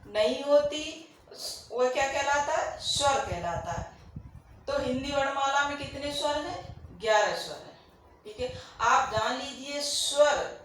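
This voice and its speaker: A woman teaching a grammar lesson. She asks questions and answers them herself, and she repeats the key points. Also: sits high. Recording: very echoey room, faint background noise.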